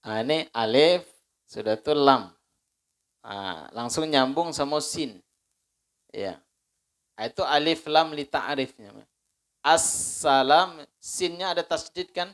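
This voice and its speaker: Slow, clear-voiced Indonesian religious teacher. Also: male voice, a little high, animated, a bit bright. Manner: slow, drawn-out demonstrations of recited phrases; conversational, asks listeners questions. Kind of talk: Islamic study circle lesson.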